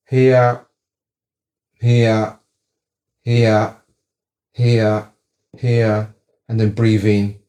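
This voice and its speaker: A man's voice: lowish voice, warm tone. A man giving casual, chatty advice on relaxing, showing the moves as he talks and repeating words for stress. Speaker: wellness coach.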